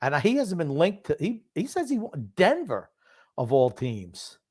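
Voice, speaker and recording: A man's voice: on the high side, wildly swooping pitch, measured pace, a little mellow, breathy edge, dry recording, studio quality. A middle-aged or older man hosting a sports talk show, commenting casually and with firm opinions, reminiscing and repeating phrases for emphasis. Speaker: sports talk show host known as the grumpy old man.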